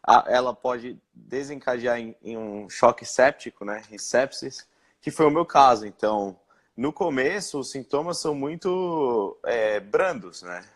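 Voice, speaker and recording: A young man from Brazil speaking in a live-stream interview, recounting his experience with many pauses, fillers and restarts. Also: medium pitch, expressive. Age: young adult. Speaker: interviewed guest.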